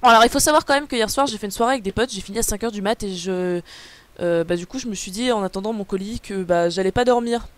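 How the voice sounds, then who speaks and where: A woman's voice: medium pitch, fast talker, no room sound. A young woman chatting casually on a live unboxing stream, rambling with lots of fillers and answering chat messages aloud. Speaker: livestreamer.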